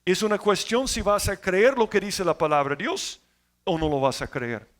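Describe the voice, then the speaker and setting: A man preaching a sermon as pastor, telling stories and swinging between loud emphasis and quiet asides. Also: high voice, moderate pace.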